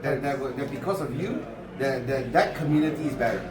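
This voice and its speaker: A man in his thirties telling a story casually at a sit-down, halting and repeating words as he restarts his sentences. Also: medium pitch, animated, distant mic. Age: 30s. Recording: roomy, off-mic, loud crowd chatter.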